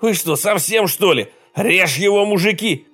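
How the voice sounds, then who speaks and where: A man's voice: high-pitched, lively intonation, unhurried, a bit bright, husky, soft background music, voice pushed up, exaggerated voice. Coarse bandit boss man, bullying and crude, snarling threats, as a narrator puts him on. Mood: rough threatening.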